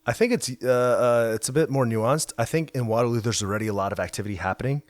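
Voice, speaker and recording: A young hacker house founder who grew up in China chats casually and thoughtfully in an interview at a house in Waterloo about his path as a founder. He's relaxed and reflective with many fillers, and his mid-range male voice moves at a quick pace with no echo.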